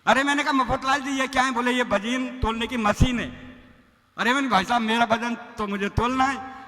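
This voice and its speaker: Guy doing stage comedy poetry, really high bright voice, big hall reverb. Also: fairly even intonation, normal speed. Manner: storytelling with quoted voices, rustic dialect. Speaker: comic poet. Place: stage at a poetry gathering with audience.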